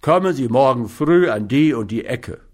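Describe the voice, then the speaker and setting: A man's voice: mid-range voice, lively intonation, normal speed, natural voice. A man reading a story aloud and voicing a surly, well-fed man who snarls scornful remarks between bites of meat pie. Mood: gruff. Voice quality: snarling, barking. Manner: curt and scolding. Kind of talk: audiobook character voice.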